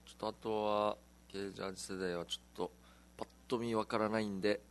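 A man's voice: fairly low pitch, fairly even intonation, quick pace, crowd noise. A man hosting a casual radio chat, reading listener mail aloud with playful joking asides.

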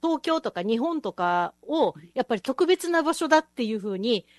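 A woman's voice: on the high side, big pitch swings, normal speed, dry recording, clean studio sound. A woman hosting a casual chat show, talking enthusiastically and laughing often. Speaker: host.

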